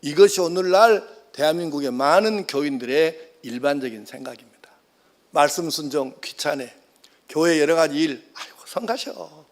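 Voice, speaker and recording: A man's voice: fairly high pitch, normal speed. A man preaching a sermon as pastor, blunt and colloquial, putting questions straight to the congregation.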